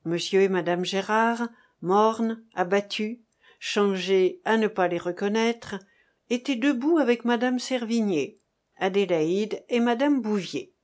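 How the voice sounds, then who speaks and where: A woman narrating a chapter of a novel as an audiobook, with a measured, dramatic reading. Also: medium pitch, darkish tone. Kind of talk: scripted narration.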